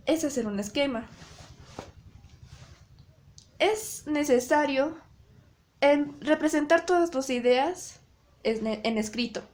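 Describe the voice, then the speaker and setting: Young female student presenting a lesson, higher-pitched, unhurried, pauses and restarts often. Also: darkish tone. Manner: hesitant, self-correcting, searching for words. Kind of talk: class presentation on public speaking.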